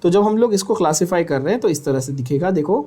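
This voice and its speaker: A man's voice: sits high, expressive, quick pace, warm tone. A man teaching biology for an exam, asking questions and having students repeat terms. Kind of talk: exam-prep lecture.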